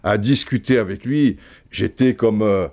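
Speaking a little slowly in a lowish, darkish voice, an older podcast host from Africa recounts an anecdote. The telling meanders, packed with fillers and restarts.

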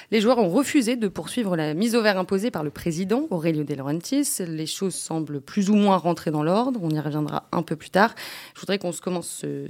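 Measured woman presenting a podcast. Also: on the low side, darkish tone. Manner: clear, measured presenting with a few fillers. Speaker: podcast host. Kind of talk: scripted podcast introduction and moderation.

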